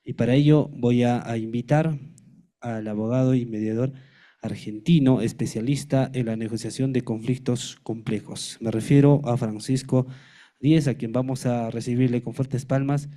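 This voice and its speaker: A man hosts a conference and introduces the guest speaker in a formal tone, pausing now and then as he goes. His voice is deeply mellow and dark. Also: fairly even intonation. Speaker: event host, master of ceremonies. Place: conference hall.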